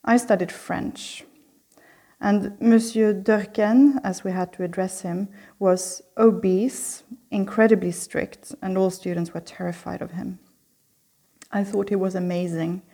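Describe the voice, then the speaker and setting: A middle-aged Swedish woman hosts a lecture series and reads her prepared opening lecture in a measured, reflective way. Her voice is mid-range, steady, and dark.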